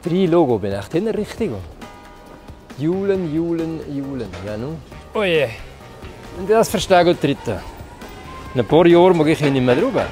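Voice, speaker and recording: A man's voice: fairly high pitch, very animated, normal speed, long pauses, warm tone, faint music behind. A man in his sixties with a Swiss German accent, hosting a restaurant test with blunt, teasing, grumbling remarks while walking around. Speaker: restaurant tester host. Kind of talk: casual on-camera chat. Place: outdoors in a mountain village, then hotel rooms.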